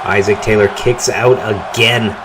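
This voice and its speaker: A man calling a wrestling match play-by-play, his voice jumping up in pitch and volume on big moves and near-falls. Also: a little slow, background noise. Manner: excited calls that rise on big moves and pin counts. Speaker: wrestling commentator. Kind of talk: play-by-play commentary.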